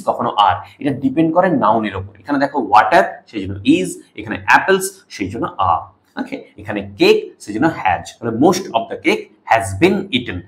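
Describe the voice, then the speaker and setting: A man with a Bengali accent teaching English grammar rules for an exam, explaining each rule and reading example sentences slowly and deliberately, checking in with "okay?" as he goes. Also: medium pitch. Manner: mixes English terms into Bengali, asks "ok?" often. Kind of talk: exam-prep grammar lesson.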